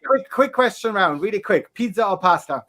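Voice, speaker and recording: A man co-hosting a casual chat, blunt and quick to laugh, repeating words when excited. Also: high-pitched. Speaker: podcast co-host.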